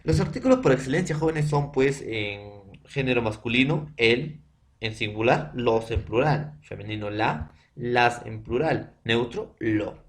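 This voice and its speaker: A man with a Peruvian Spanish accent teaching a grammar lesson at a middle pitch. He explains step by step and poses questions to the class, then answers them himself. Now and then he drops to a soft whisper. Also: a little slow. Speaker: school teacher.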